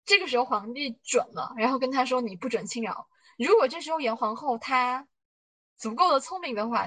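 A woman's voice: a little high, fairly bright tone, no echo, poor audio. A woman hosting a podcast, chattily retelling drama scenes and thinking aloud about hidden motives, with lots of fillers. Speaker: podcast host. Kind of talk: casual plot recap and analysis.

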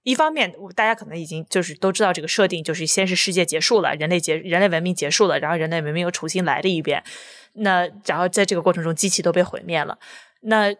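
A woman co-hosting a podcast in casual film discussion, retelling scenes in an animated way with sound words and acted-out lines. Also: on the low side, fast. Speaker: podcast co-host.

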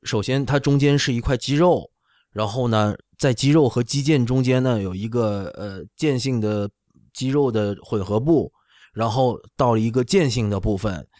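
This is an orthopedic doctor on a talk show, a middle-aged man with a warm, medium-pitched voice and a moderate pace. He explains casually and keeps checking with "right?", and Chinese isn't his native language. No echo, just dry sound.

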